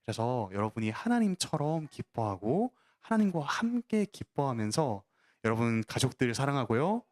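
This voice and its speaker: A male pastor preaching a sermon, telling a story to children in an animated way and asking the listeners questions that he answers himself. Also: mid-range voice, normal speed.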